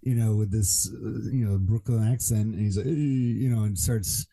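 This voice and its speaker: A man with a low, very mellow and dark voice co-hosts a podcast. He talks in a loose, rambling way, full of "you know" and restarts as he works through his points. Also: fairly even intonation, normal speed, creaky. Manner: rambling, many fillers and restarts. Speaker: podcast co-host. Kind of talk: casual podcast chat.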